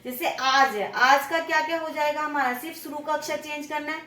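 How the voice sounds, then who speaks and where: Lady teacher doing a kids' lesson, bright high voice, echoey room with the mic set back. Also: far from the mic. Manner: slow, drawn-out sounding of syllables for children. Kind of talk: children's Hindi lesson.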